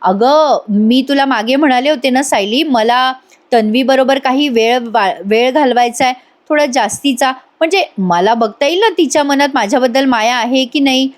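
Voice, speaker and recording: A woman's voice: high voice, normal speed, lightly acted. A woman voicing an older aunt who coaxes and confides on a phone call. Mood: coaxing.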